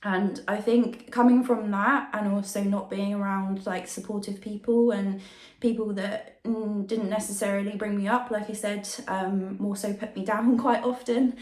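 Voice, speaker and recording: A young woman who vlogs on YouTube and coaches fitness speaks at a moderate pace in a mid-range, darkish voice with fairly even intonation. It's a casual to-camera introduction and Q&A, her throat sore from tonsillitis, recorded with roomy echo.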